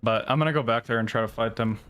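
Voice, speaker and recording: A man's voice: mid-range voice, fast, a bit bright, slight background noise. Casual cursing male game streamer. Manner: casual, frustrated gamer slang with frequent swearing. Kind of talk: live gameplay commentary.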